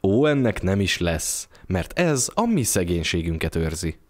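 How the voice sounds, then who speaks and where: A man's voice: sits low, big pitch swings. A man voicing a poor, frail young mother who keeps joking through hard times, told in an audio storybook. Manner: playful, jokes through poverty.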